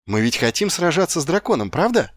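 Man playing an eager young guard recruit, raised voice, rousing, impatient, lively, dry close sound. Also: a little high, fairly quick, no echo, pitched above the performer's own voice.

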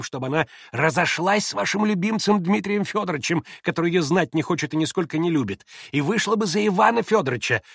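A man reading aloud and voicing an excitable, effusive middle-aged society lady who talks in breathless exclamations. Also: sits high, vocal fry, no echo, studio quality, voice pushed up.

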